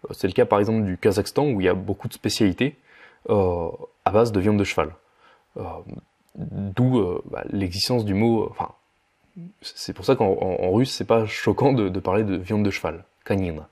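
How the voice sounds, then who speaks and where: A man from France giving a vocabulary lesson in a voice-over, repeating each word slowly and stressing its syllables. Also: on the low side, a little mellow. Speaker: language teacher.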